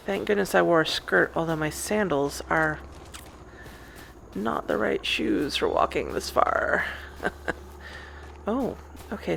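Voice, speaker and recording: A woman's voice: on the low side, gravelly, slight background noise. A woman doing in-character roleplay narration over gameplay, chatty and rambling as she wonders aloud. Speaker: roleplay gamer.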